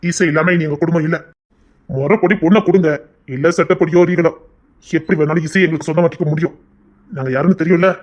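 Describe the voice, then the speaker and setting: A man's voice: on the high side, steady tone, fast, lightly acted. A man voicing a domineering young man from a gangster family who insists on marrying a girl. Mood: commanding. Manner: commanding, insistent. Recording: dull lo-fi audio.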